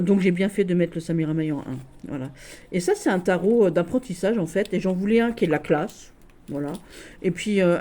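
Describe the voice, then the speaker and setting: A woman chats casually and affectionately to her viewers about her tarot decks. Her voice sits fairly low and sounds soft and mellow. She talks in a loose, friendly way and keeps dropping in "voilà". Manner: chatty and affectionate, often saying "voilà". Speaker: tarot vlogger.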